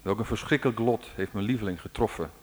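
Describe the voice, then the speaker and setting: A man's voice: fairly low pitch, quick pace, a little mellow, long reverb tail, lightly acted. A man reading out the lines of the hero's grieving, desperate old mother in a folk tale, pleading and anguished.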